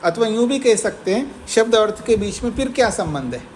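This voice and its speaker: A man lectures a class in an ashram, moving steadily through a classical text. He reads each Sanskrit line slowly, then explains it in plain talk and asks his students whether they follow. A faint hiss and the hum of the room sit under his voice. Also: sits high, expressive, rough recording. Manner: slows to read the Sanskrit text aloud. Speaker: teacher of philosophy.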